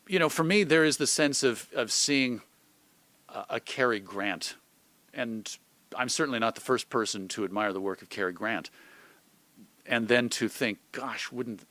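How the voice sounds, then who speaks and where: With a mid-range, slightly bright voice on a dry recording, a middle-aged American man chats reflectively and informally as an interview guest. An old-time radio host, he thinks aloud in a thoughtful, meandering way, illustrating what he means with examples and hypothetical quotes.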